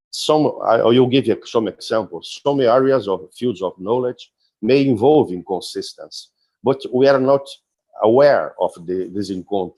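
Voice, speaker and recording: Guy with a lowish voice giving a conference lecture, slow and careful, lots of uh and restarts. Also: dark tone. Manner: halting, with frequent restarts and fillers; deliberate, explanatory. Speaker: philosophy professor giving a talk.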